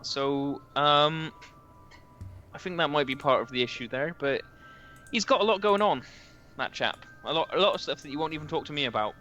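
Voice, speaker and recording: A man's voice: on the high side, moderate pace, pushed and bright, slight background noise, voice pushed up. A man voicing a friendly, gossipy male villager who drives a wagon, in a put-on Bristolian accent and calling people mate. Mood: chatty.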